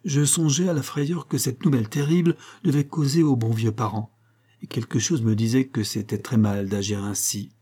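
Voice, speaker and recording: A man reads a classic short story aloud with measured, expressive pacing. His voice is dark and mellow, with a husky grain, at a middle pitch. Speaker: narrator. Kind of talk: literary audiobook reading.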